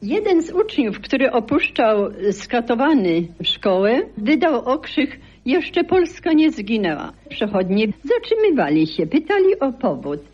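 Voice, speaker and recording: A woman's voice: fairly high pitch, very animated, measured pace, husky. Older woman on old worn archive tape. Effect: played from an old worn archive tape. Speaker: eyewitness recalling a school strike. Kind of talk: archival spoken reminiscence. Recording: dull lo-fi archive tape, distant.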